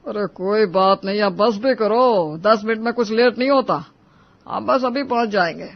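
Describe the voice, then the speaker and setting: A man voicing a calm older father-in-law in a cartoon story, mild and placating. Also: high-pitched, normal speed, no room sound, muffled recording.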